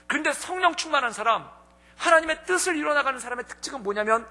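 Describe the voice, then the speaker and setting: A man's voice: very high voice, expressive, fast talker, sharp tone, faint music behind. A male pastor preaching a sermon in a church, telling stories animatedly and acting out the people he quotes. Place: church sanctuary. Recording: long church reverb.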